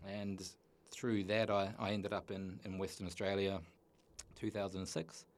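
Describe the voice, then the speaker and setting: Deep-voiced New Zealand man, earnest and halting. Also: level tone. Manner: earnest, halting with many restarts. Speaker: guest. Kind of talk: candid personal story.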